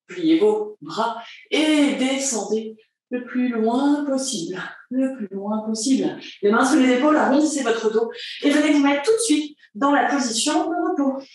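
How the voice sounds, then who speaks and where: A woman leading a pilates class, giving cheerful, encouraging cues, counting repetitions aloud and laughing often. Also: medium pitch. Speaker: pilates instructor. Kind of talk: guided workout instruction. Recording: very echoey room, mic at a distance.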